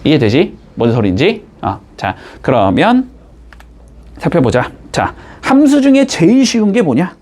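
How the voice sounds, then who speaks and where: A man's voice: on the high side, sing-song, unhurried, darkish tone. A man teaching a math lesson in a classroom style, explaining step by step and constantly checking in with his students through short questions.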